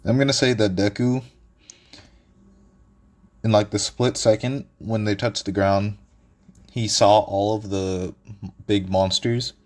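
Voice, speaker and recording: A low-pitched man makes up a fan story as he goes, rambling and stopping to rethink. He talks slowly, with lots of fillers and restarts, and laughs lightly at his own jokes. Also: steady tone, darkish tone. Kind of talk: casual improvised narration.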